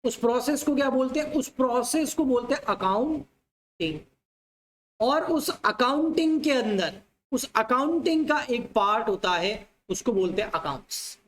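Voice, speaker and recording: A man's voice: very high voice, lively intonation, unhurried, a bit bright, a little hiss or hum. A male teacher giving an online commerce lecture, repeating points and asking his students questions, calling them dear children. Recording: echoey room, faint ambience.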